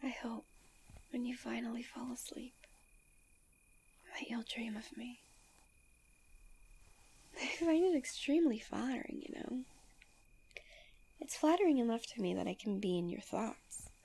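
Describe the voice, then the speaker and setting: A woman voicing a doting, possessive fox-spirit wife in a soft, breathy whispered role-play, speaking gently, intimately and soothingly. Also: on the high side, normal speed, pauses often, full character voice. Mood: soothing, affectionate.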